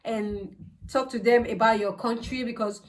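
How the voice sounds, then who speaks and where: A woman's voice: fairly high pitch, steady tone, moderate pace. A woman from Nigeria with a Nigerian accent gives a casual explanatory vlog talk, conversational and emphatic, often repeating words for stress. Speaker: vlogger, healthcare assistant. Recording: voice distant from the mic.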